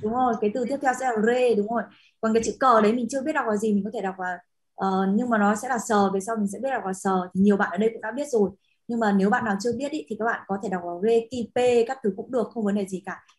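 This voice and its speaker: This young woman's voice is fairly high and husky, and she talks fast. In a classroom lesson on Latin spelling, she explains patiently, leans on fillers, and often checks that the students are with her.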